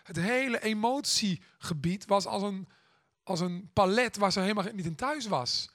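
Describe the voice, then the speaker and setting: A man giving a reflective storytelling talk, hesitant and thoughtful, with many pauses and restarts. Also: sits high, fairly bright tone, no room sound, studio quality. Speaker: speaker.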